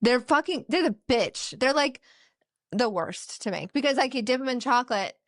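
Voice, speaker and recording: A woman's voice: high-pitched, lively intonation, moderate pace, no room sound, clean studio sound. A woman being interviewed as a business founder, chatting casually and candidly, swearing freely and laughing often. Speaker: guest, dessert business founder. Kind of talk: casual podcast chat.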